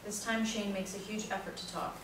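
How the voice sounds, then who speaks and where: A woman narrates scripted stage directions for a play reading in a brisk, level-toned, medium-pitched voice. The recording is noisy, made far from the mic in a very echoey indoor room.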